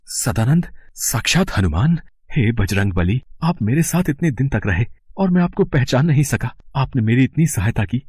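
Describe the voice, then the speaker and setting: A man voicing a humble, gentle village priest who talks softly. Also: medium pitch, big pitch swings, moderate pace, slightly rough, no room sound. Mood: moved.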